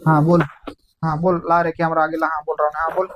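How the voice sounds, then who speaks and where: A man's voice: on the high side, monotone, quick pace, lo-fi sound, slight background noise. Harsh man interrogating. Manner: harsh, scolding, barks demands. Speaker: faith healer performing an exorcism. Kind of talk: commanding interrogation.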